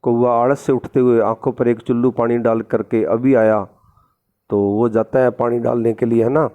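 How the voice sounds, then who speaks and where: A man's voice: mid-range voice, flat delivery, normal speed. A man teaching a recorded school lesson with a sore throat, explaining patiently and repeating tag questions. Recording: dull lo-fi recording.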